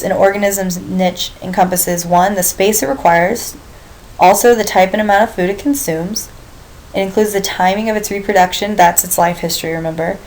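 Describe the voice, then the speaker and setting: A woman lecturing her biology class at a mid-range pitch. She explains step by step and keeps turning to the students with questions, reminding them of what they covered before. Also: a little mellow, poor audio.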